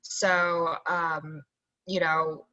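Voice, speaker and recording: A young woman from Zambia, an assistant golf coach, telling her story in a chatty, animated way full of fillers on a video call. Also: sits low, drawn-out words. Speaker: assistant college golf coach, interview guest. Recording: dull lo-fi video call audio.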